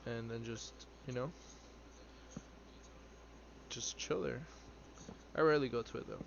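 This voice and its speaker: A man's voice: mid-range voice, measured pace. Rambling young man streaming a game. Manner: rambling, filler-heavy, answers chat offhand. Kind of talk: casual live-stream chat while playing. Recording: slightly dull audio with clear background noise.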